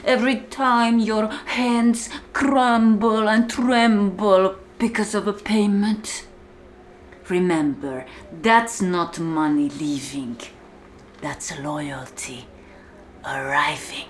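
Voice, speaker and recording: Speaking directly to the listener, a woman performs an icy, domineering female warden for an ASMR-style monologue, deliberate and condescending, slipping into hushed whispers. Her voice is medium-pitched, natural and commanding. There's a bit of background noise.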